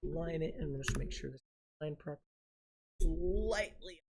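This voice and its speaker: A woman's voice: low voice, measured pace, noisy background. A woman streaming a building game, casually thinking aloud and muttering each step to herself. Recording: audible keyboard typing and clicks.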